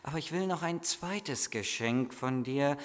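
A preacher voicing a calm, gentle child Jesus. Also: male voice, a little slow, in a large hall. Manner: low, soft and calm.

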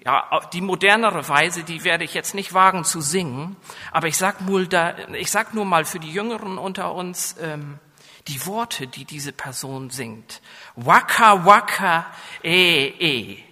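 A man preaches as pastor in a church, his northern German coastal accent carried by a microphone and softened by hall reverb. His fairly high voice sounds pushed and bright, moving at a measured pace. He regularly asks the congregation questions before rising into loud, emphatic sections.

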